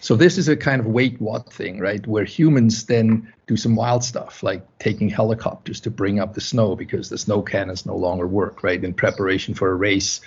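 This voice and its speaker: A lowish, husky male voice with a Swiss accent, walking an audience through slides in a loose, conversational way. He restarts phrases and keeps checking in with the room. The recording sounds muffled and lo-fi. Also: steady tone, normal speed, few pauses. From Switzerland. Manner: conversational, many restarts, asks "right?". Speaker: conference presenter. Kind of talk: presenting a talk with slides.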